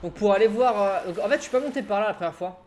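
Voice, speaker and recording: A man's voice: sits high, quick pace, slight background noise. A man in his twenties giving casual, chatty gameplay commentary as a let's player, joking and laughing often. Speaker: let's play gamer. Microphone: home streaming mic setup.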